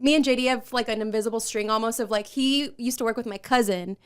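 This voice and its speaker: A woman co-host in casual podcast chat, her voice sitting a little on the high side. She talks agreeably and is quick to laugh along with the others. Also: clean tone. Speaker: radio co-host.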